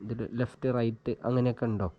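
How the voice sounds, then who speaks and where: Recorded through a helmet-mounted action camera, this man's mid-range voice sounds muffled as he speaks quickly and steadily. He's a vlogger casually walking through an installation tutorial, musing informally as he works.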